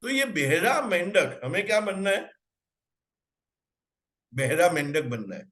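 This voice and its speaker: A man's voice: sits high, big pitch swings, slow, fairly bright tone. A man leading a team meeting, telling a story and asking his listeners questions, often repeating phrases for emphasis and mixing in English words. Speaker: team leader giving a motivational talk. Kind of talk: motivational talk to a team on a video call.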